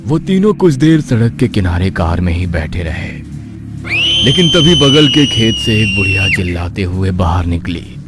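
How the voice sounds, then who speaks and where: A man narrating an animated horror story in a hushed, suspenseful way. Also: sits low, moderate pace, loud music behind the voice.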